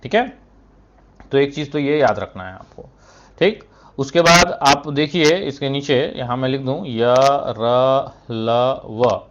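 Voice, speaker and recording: Taking it slowly, a medium-pitched male Hindi teacher explains his classroom lesson in steps, answering his own questions and saying "thik hai" between phrases. He clears his throat now and then, and the recording has its highs cut off.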